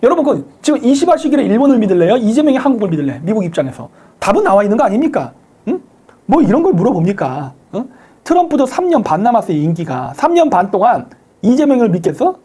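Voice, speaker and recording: A woman hosts a live commentary stream, mocking and combative, firing off one rhetorical question after another. Her voice sits a little high and swings widely in pitch, with a mellow, slightly husky tone. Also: very animated, quick pace. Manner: combative, sarcastic, full of rhetorical questions and coarse insults. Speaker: livestream host thanking viewers for donations. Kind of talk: opinionated political commentary stream.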